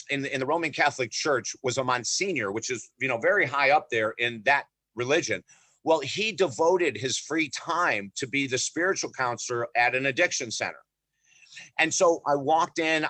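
Middle-aged male guest, an author and counselor, telling an energetic personal story; bright, forceful delivery on a dry close recording. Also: medium pitch, no echo. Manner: emphatic, repeats "you know" and "right?", often addresses the host by name.

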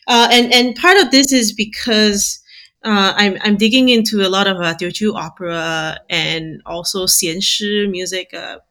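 A woman composer speaks as a guest on a podcast over a video call. Her voice is bright and mid-pitched. She explains her work thoughtfully, with fillers along the way. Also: a little slow. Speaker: assistant professor. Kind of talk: podcast interview.

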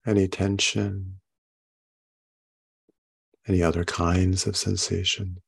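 A man leading a guided meditation, giving gentle, unhurried instructions and soft questions. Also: sits low, little pitch movement, creaky, husky. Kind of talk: guided meditation, body scan.

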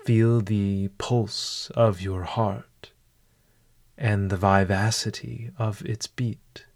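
A man leading a guided walking meditation in a calm, deliberate, measured way. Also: fairly low pitch.

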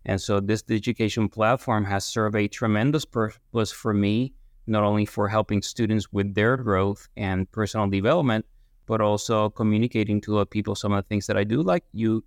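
A man in his fifties from Puerto Rico, a veterinary business professor talking about his career in a relaxed, rambling way with restarts. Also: on the low side, gravelly, dry recording, clean studio sound. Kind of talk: casual interview talk.

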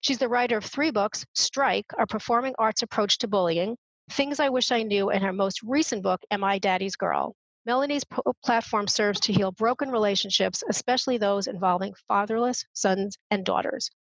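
A woman's voice: medium pitch, normal speed, a bit bright, dry recording, rough recording. A woman hosting a radio interview show in an upbeat way, reading her introductions with care.

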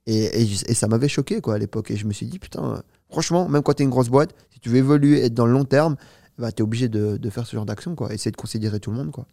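Fast-talking young man telling a story. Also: medium pitch, creaky, no room sound, studio quality. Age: 20s. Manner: fast, animated, filler-heavy storytelling with many "tu vois". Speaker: startup founder, guest. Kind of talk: casual storytelling interview.

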